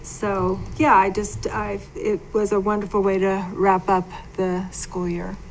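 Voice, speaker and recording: A woman's voice: medium pitch, completely flat delivery, measured pace, slight background noise, rough recording. A woman school board member giving reflective, rambling remarks at a meeting, often correcting herself.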